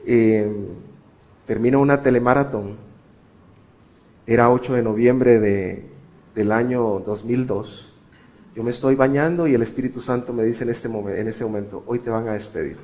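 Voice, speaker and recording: Animated middle-aged preacher telling his story. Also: mid-range voice, normal speed, pauses often. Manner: animated, shifting sharply between loud emphasis and quiet. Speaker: pastor. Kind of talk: sermon storytelling.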